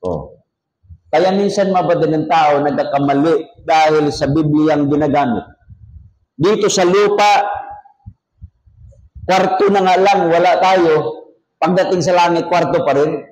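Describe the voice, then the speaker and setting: A man's voice: on the high side, a little mellow, reverberant, rough recording. A pastor from Mindanao preaching a sermon, joking and raising his voice often. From Mindanao, Philippines. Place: church.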